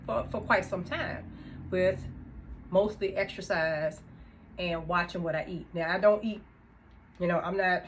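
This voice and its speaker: A woman in her fifties chatting casually to camera as a vlogger, laughing often between thoughts. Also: on the low side. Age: 50s. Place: indoors, room with music she turned off.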